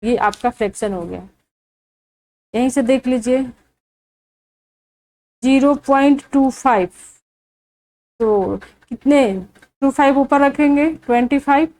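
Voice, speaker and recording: A woman with a high voice teaches a maths lesson step by step. She keeps asking the viewer questions and then answers them herself. Her delivery is slow and deliberate. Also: a little mellow, poor audio.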